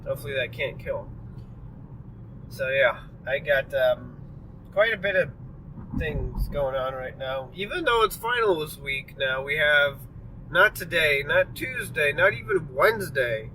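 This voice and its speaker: This young male vlogger has a fairly high, pushed, bright voice with lively intonation, and he's in no hurry. Tired and yawning in a moving car, he rambles casually with fillers and apologies, captured by a distant mic over clear road noise.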